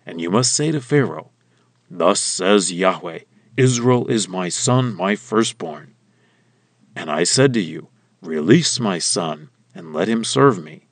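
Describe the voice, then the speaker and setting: A man voicing a stern, commanding male god in a slow, weighty scripture reading. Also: low voice, animated, dry recording, voice pushed down, full character voice.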